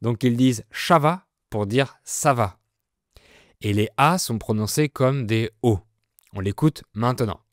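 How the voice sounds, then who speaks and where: A French man hosting a podcast lesson, explaining with slow, clear delivery. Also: mid-range voice, no echo, studio quality. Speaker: French teacher, podcast host.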